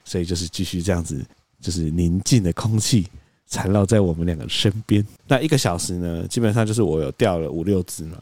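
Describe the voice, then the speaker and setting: A man, co-hosting a podcast, telling a story in an animated way and acting out quoted lines. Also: sits low, brisk, no echo. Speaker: podcast co-host. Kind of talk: casual storytelling chat.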